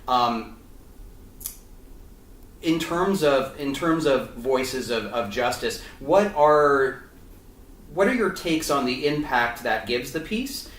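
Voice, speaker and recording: A man's voice: mid-range voice, expressive, takes it slowly, pauses often, fairly bright tone, slight background noise. A man hosting a fundraising interview, talking in a casual, hesitant way with many fillers and restarts. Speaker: host of a fundraising video interview. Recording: echoey room, a bit far from the mic.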